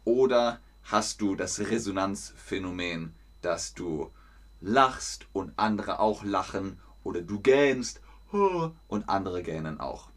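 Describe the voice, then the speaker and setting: A man teaching a German lesson on a stream, speaking slowly and clearly, repeating words for learners and adding lively sounds and laughs. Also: low-pitched.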